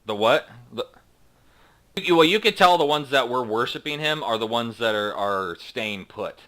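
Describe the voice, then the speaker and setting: Bright-voiced man running a tabletop game. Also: medium pitch, lively intonation. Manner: slow dramatic read-aloud narration, then halting casual asides. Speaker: game master. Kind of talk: narrating a tabletop game online.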